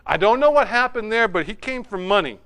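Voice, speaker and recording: A man's voice: high-pitched, a little fast, smooth. A middle-aged man from New Hampshire preaching a conversational sermon, telling personal stories with humor and asides. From New Hampshire, USA. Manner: animated storytelling, with humor and asides. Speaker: pastor.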